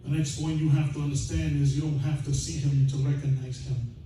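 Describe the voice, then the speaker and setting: A man preaching in a lively, joking way, breaking into shouts and laughter, heard from a distance in a church. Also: on the high side, moderate pace, noisy background. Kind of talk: bilingual sermon. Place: church sanctuary. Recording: very echoey hall from a distance.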